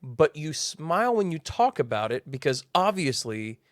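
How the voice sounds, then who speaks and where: A man's voice: fairly high pitch, moderate pace, dry recording, studio quality. A man hosting a podcast interview, enthusiastic and effusive in his praise. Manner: enthusiastic and effusive, animated emphasis. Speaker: podcast host. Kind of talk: faith-based podcast interview.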